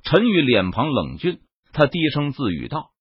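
A man narrating an audiobook in a dramatic, animated storytelling manner, on a muffled lo-fi recording. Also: fairly high pitch, normal speed, slightly rough, dry recording.

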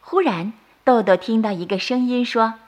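A woman storyteller narrating a bedtime story for children in a slow, soothing manner. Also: on the high side. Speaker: storyteller host.

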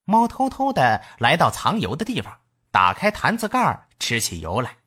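A storyteller narrating a folk tale about a cat and a mouse, in a lively telling voice. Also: moderate pace, a little hiss or hum. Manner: lively storytelling with wide pitch swings.

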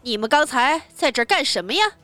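Woman doing a shrill, bellowing card queen. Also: big pitch swings, a little fast, dry recording, soft background music, full character voice. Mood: furious. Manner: shrill, loud, barking orders. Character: furious shouting queen of hearts card.

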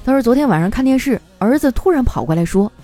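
A woman hosting a comic storytelling podcast, reading out listeners' jokes and breaking into laughter along the way. Her voice is mellow and a little high, and it swoops up and down constantly. Faint music plays behind her. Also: fast. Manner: laughs often while reading, lively. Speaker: host reading joke submissions.

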